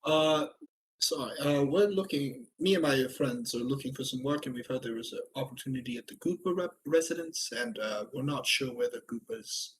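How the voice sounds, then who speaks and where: A man's voice: medium pitch, normal speed, slight background noise, rough recording. A man playing a tabletop game with friends, chatty and playful, often trailing off. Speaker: player. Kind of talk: casual tabletop game chat.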